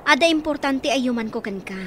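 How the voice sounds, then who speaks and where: In an Ilocano radio drama, an actress voices a concerned, helpful woman who takes in orphaned children, making an earnest appeal in a conversational way. Her voice sits high and sounds animated, pushed and bright, a little fast, with a faint hiss or hum.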